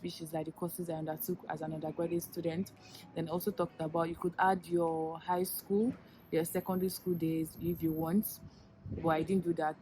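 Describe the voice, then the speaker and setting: This Yoruba-speaking Nigerian YouTuber in her twenties offers application tips in an earnest, talkative vlog, with lots of fillers and false starts. Her voice is fairly low and darkish, and the low-quality recording carries slight background noise.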